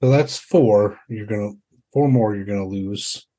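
A man improvising horror narration as a tabletop game master, halting as he searches for words. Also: lowish voice, mellow.

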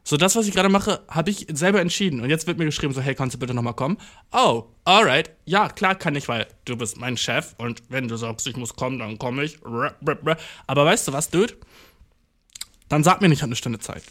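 A man's voice: on the high side, lively intonation, normal speed, a bit bright. A man podcasting from home, ranting in a casual, restless way, swearing a lot and dropping English slang. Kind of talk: casual rant to the listener.

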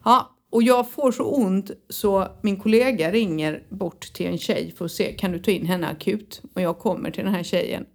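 A woman co-hosting a casual chat, telling a lively anecdote with swearing and laughter. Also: medium pitch, few pauses. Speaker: podcast co-host.

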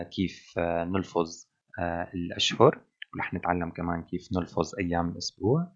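A man with a Levantine Arabic accent teaching a language lesson, pausing often on drawn-out fillers. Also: sits low, muffled recording. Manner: hesitant, with frequent drawn-out fillers.

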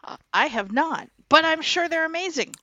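A woman's voice: high voice, lively intonation, sharp tone, no echo, lo-fi sound. A woman in her forties co-hosting a casual radio show, bubbly and emphatic. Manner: bubbly, quick to laugh, emphatic. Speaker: radio co-host.

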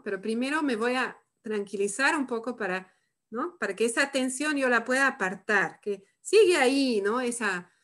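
A woman leading a live workshop, who talks calmly and reflectively and tags her phrases with "¿no?". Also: fairly high pitch. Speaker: workshop facilitator. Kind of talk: live online workshop demonstration.

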